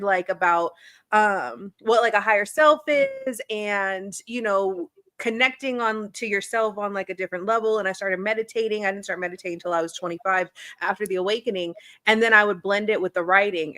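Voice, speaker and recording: Bright, informal young woman chatting. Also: mid-range voice, steady tone, a little fast, no room sound. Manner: rambling, informal, thinking aloud. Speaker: talk show guest, business coach. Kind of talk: casual chat.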